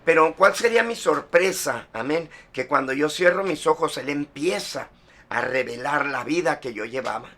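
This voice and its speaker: A man's voice: a little high, moderate pace, fairly bright tone. A middle-aged male pastor giving a personal testimony in a sermon, sprinkling his talk with "amen". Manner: testimony-style preaching, frequent "amén".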